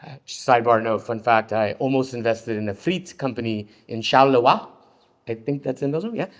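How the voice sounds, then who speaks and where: A man from Canada, a venture investor answering on a panel discussion with a relaxed manner and frequent ums. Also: medium pitch, normal speed.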